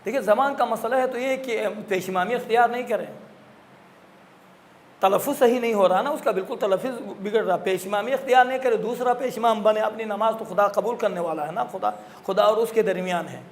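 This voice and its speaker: High-voiced male recitation teacher. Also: a little hiss or hum. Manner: explanatory, repeats points, mimics stammered recitation. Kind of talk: classroom Q&A lesson on recitation.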